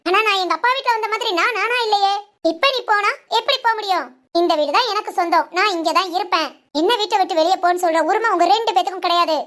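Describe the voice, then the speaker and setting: A woman doing a defiant, sharp-tongued young wife. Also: very high voice, fast. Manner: defiant, firm, talks back. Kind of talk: animated family cartoon dub.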